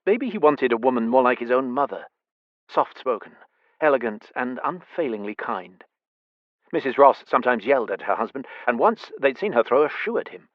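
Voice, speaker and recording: A man reading a historical romance audiobook in a measured, expressive storytelling manner. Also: medium pitch, no echo, muffled recording. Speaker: audiobook narrator. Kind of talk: scripted audiobook narration.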